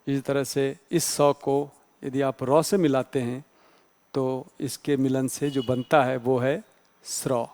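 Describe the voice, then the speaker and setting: A man's voice: medium pitch, flat delivery, slow, a little mellow, long reverb tail. A male teacher giving an exam-prep grammar lecture, explaining patiently and spelling out letters one by one.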